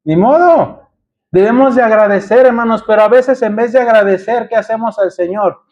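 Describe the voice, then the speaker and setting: High-voiced Mexican pastor preaching. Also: male voice, normal speed, a little mellow, muffled recording. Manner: preaching with rhetorical questions, calling the congregation brothers. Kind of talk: sermon. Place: church.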